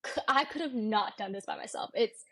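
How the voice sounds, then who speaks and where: Slight background noise sits behind this higher-pitched woman speaking at a normal speed. She's a twenty-something medical student from California, chatting openly as a podcast guest in a relaxed interview, with an American accent and plenty of "like" in her speech.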